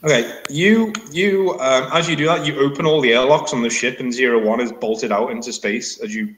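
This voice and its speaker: A man acts as game master in a casual tabletop session. His delivery is halting and wry, with a middling pitch. The recording is roomy and echoing. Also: a crowd in the background.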